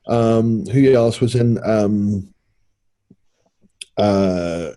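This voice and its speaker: A middle-aged man with a Belfast accent, co-hosting a podcast in relaxed, rambling casual chat. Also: fairly low pitch, very slow. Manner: relaxed, rambling, self-correcting. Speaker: podcast co-host.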